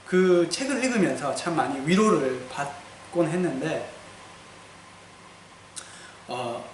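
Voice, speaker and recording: A young man giving a personal faith testimony in church, speaking earnestly and often pausing to search for his words. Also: on the high side, lively intonation, a little hiss or hum. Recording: echoey room, mic far off, faint ambience.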